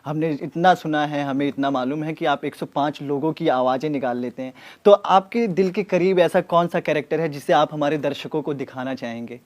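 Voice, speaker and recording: A man's voice: on the high side, a little fast, few pauses. A man interviewing a guest politely and respectfully, with frequent fillers. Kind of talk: interview questions.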